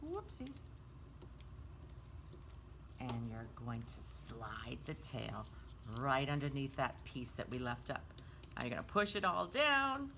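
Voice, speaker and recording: A woman with a low-pitched voice runs a children's storytime craft, walking through each step in simple, sing-song language meant for kids. Background noise is audible.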